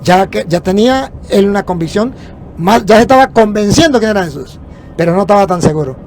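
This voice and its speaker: A man preaches with emphasis, his voice sitting higher than most men's. He poses rhetorical questions and answers them himself. A faint rumble of the moving bus hums underneath. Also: lively intonation, fairly quick.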